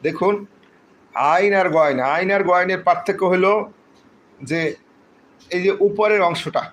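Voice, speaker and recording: Man, patient letter drills, slightly high voice, faint background noise. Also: measured pace, fairly bright tone, rough recording. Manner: patient, repeats letters for listeners to say along. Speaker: Quran reading teacher. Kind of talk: slow step-by-step lesson with drilled letter names.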